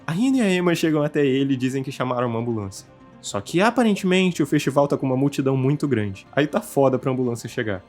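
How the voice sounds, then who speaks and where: Brazilian dude snarking through a recap, voice jumps way up and down. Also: male voice, mid-range voice, very animated, quick pace, darkish tone, soft background music. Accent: Brazilian Portuguese. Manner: sarcastic, swooping delivery. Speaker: guest co-host. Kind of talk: scripted commentary recap.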